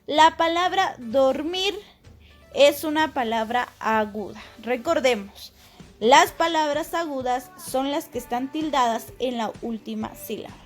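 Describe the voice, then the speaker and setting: Woman teacher, high voice, slow and patient, faint music under. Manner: patient, explains step by step and repeats words slowly. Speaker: primary school teacher. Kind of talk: recorded class lesson.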